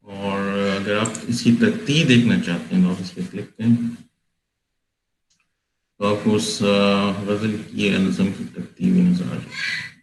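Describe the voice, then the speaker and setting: Male tutor, lowish voice, slow unhurried explanations, roomy echo. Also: steady tone, gravelly, a little hiss or hum. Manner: slow, patient explaining with frequent pauses. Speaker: tutor explaining Urdu prosody software. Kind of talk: screen-share tutorial.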